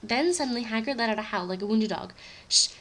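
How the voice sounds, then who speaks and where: A woman's voice: on the high side, quick pace, slight background noise. A woman reading a novel aloud in an amateur way, stumbling over words and correcting herself. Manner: blunt, unimpressed in her own comments. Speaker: reader.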